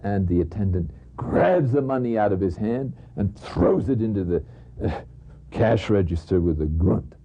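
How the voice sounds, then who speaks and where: Man giving a lively spiritual talk. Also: on the low side, moderate pace. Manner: reflective, conversational, with soft laughs. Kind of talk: spiritual teaching talk with stories. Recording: slightly dull lo-fi recording.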